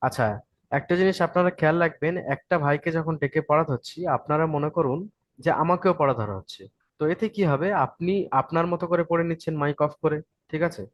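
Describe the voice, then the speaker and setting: A man with a West Bengal Bengali accent leads an online Quran reading class, talking quickly in a fairly high voice. He is patient and keeps checking that his students follow. The sound is dry and close. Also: no room sound, muffled recording. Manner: patient, repeats and checks understanding.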